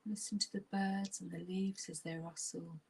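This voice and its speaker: With a fairly low pitch and a flat delivery, a woman guides a relaxation meditation. Her husky voice is soft and breathy, nearly a whisper, and she soothes unhurriedly with long pauses.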